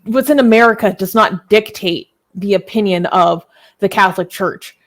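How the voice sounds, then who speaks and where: A woman's voice: mid-range voice, normal speed. A woman co-hosting a casual online discussion, talking loosely with lots of "um" and "like" as her microphone crackles and cuts in and out. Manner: chatty, full of "um" and "like", restarts sentences. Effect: crackling mic that cuts in and out.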